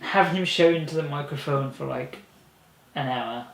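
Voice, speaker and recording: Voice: mid-range voice, moderate pace, vocal fry. A fan film cast member chatting casually about the shoot, rambling and laughing often. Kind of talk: casual behind-the-scenes chat. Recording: echoey room with faint noise.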